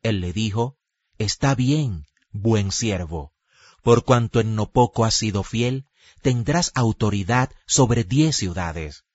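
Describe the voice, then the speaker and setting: A man's voice: fairly low pitch, animated, slow pace, dry recording. Solemn male biblical epic narrator, dull recording. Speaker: Bible narrator. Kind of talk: scripted scripture narration in the manner of a biblical epic. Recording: dull lo-fi recording with music behind. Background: music.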